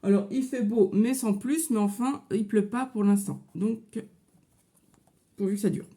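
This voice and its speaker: Chatty French woman, mellow voice. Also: medium pitch, steady tone, unhurried. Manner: chatty, with frequent fillers. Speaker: crafting vlogger. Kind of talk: casual craft tutorial chat. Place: home office.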